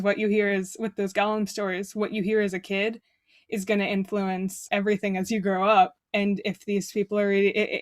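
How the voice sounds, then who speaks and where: A woman's voice: mid-range voice, no room sound, clean studio sound. A young adult woman hosting a podcast, talking conversationally and often restarting her sentences. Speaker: podcast host. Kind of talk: casual podcast discussion.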